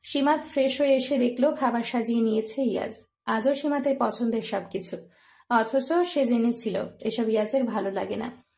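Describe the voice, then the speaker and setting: A woman narrating a romance story in a soft, even storytelling voice. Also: on the high side, normal speed, creaky.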